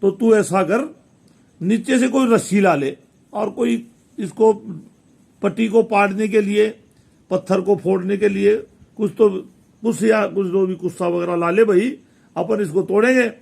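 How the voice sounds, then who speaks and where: A man tells a village folk tale in a high-pitched voice, speaking. He rambles and repeats phrases, slipping into dialect as he voices the people in the tale. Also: unhurried, vocal fry, a little mellow. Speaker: village storyteller. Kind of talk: casual folk tale telling.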